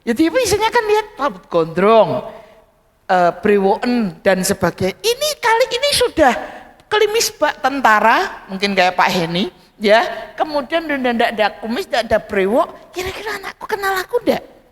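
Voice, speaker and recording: Animated preacher in a reverberant hall. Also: male voice, very high voice, normal speed. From Indonesia. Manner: animated, acts out characters, rises to shouting climaxes. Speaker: pastor. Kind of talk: sermon with storytelling. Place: large church hall. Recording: long church hall reverb.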